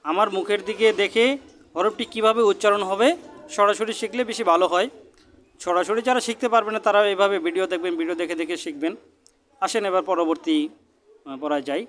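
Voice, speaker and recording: High-voiced man drilling syllables slowly. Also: steady tone, fairly bright tone, faint music behind. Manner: patient, repeats each syllable drill several times. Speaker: Quran reading teacher. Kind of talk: slow spelled-out recitation lesson.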